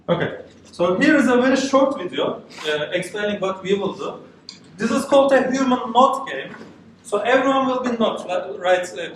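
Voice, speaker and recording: Man, from Turkey, higher voice, friendly meetup talk, uh fillers, far off in a very echoey room. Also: fairly bright tone, a little hiss or hum. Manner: friendly, repeats okay and right, many uh fillers. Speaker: meetup speaker and organizer. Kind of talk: live conference talk. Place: event room with audience.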